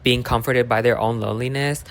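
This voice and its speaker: A woman's voice: very deep voice, fairly even intonation, a little fast. Young woman rambling in an echoey room. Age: young adult. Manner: slangy, rambling, self-interrupting. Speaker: podcast host. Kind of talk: casual chatty video podcast. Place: echoey indoor room at home. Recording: echoey, sparsely furnished room.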